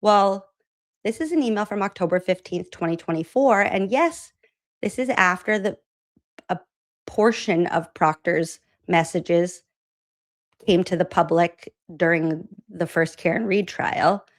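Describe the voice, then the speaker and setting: Her voice fairly low and unhurried, a woman from Massachusetts hosts a political commentary show. She's chatty, sarcastic and incredulous, and laughs a lot.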